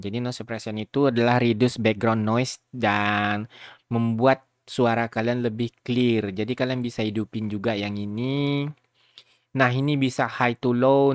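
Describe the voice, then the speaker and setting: A video tutorial host walks viewers through software in a loose, rambling, informal way, his voice at a middling pitch. The close, dry recording has no room sound, like a home tutorial voice-over.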